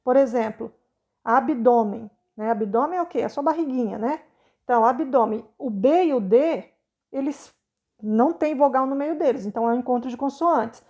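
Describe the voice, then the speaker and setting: A Brazilian woman teacher explaining a lesson to children patiently, sounding words out slowly and checking understanding often. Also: high voice, lively intonation, warm tone, dull audio. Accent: Brazilian Portuguese.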